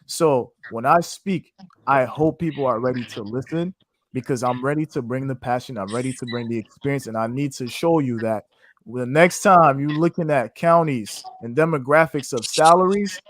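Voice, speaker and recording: This Haitian trading educator's mid-range voice keeps a moderate pace as he gives a passionate, sermon-style interview answer. The phrasing is faith-filled yet casual, leaning on "man" and "you know what I'm saying."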